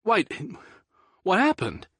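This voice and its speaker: Picture an excitable young city guy who is quick to outrage, his voice jumping high and loud, as a man puts him on. He exclaims everything with wide swings in pitch. The audiobook sound is dry and close. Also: breathy edge, dry recording, full character voice. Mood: outraged.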